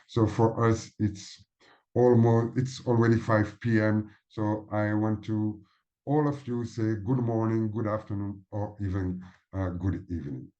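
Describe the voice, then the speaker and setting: Man with a French accent, dark mellow voice, halting webinar talk, muffled call audio. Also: lowish voice, fairly even intonation. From Belgium. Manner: halting, searching for words. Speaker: webinar presenter. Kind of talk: presentation.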